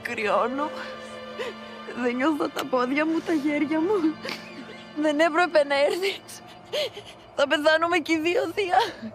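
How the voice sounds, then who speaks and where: Brief: young actress playing a scared tearful girl, high voice, music clearly behind. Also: natural voice. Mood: shivering, afraid. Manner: small, tearful and halting. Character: frightened young girl named Diamanto. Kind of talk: period television drama acting.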